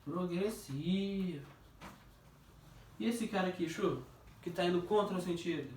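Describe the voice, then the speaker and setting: A man's voice: high-pitched, darkish tone, a little hiss or hum. Man teaching physics in an echoey room. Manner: jokey, questioning, drawn-out stressed words. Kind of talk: informal classroom review. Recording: echoey room, distant mic.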